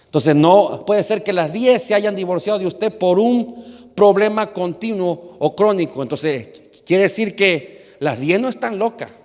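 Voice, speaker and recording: A man's voice: high-pitched, animated, a little slow, darkish tone, big-room sound. A man from Argentina, a pastor, giving a conversational sermon, often asking his congregation questions and hesitating with fillers.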